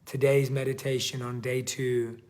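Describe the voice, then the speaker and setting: A man hosting a live workshop, guiding a meditation in a slow, calm, soothing way and reading out viewer comments. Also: medium pitch. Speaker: meditation teacher and workshop host. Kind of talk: guided meditation and livestream talk.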